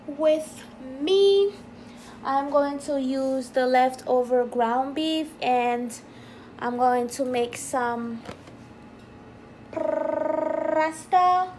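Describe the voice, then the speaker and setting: Slow-talking woman vlogging while cooking, noisy recording. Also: high voice, fairly even intonation, a little mellow. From Haiti or Haitian family. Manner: informal, unscripted, addressing viewers as guys. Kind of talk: casual vlog chat to viewers while cooking. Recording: clearly noisy home recording.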